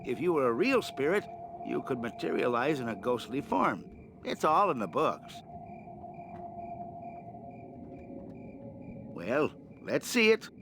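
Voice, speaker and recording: Grumpy, animated gravedigger in a game. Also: male voice, mid-range voice, normal speed, background noise. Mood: challenging. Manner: querulous, skeptical, scolding. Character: jumpy, grumpy, stubborn gravedigger who loves horror novels. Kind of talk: comic adventure game acting.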